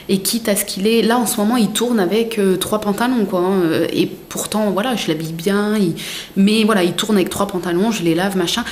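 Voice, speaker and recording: A woman's voice: medium pitch, a little hiss or hum. A young woman chatting casually as she unboxes gifts, gushing and chatty with lots of fillers. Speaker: vlogger. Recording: roomy room echo.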